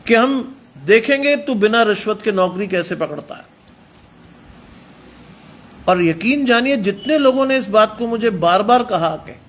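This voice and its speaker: High-voiced preacher, emphatic. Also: male voice. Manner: mixes English phrases into emphatic preaching. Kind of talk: sermon.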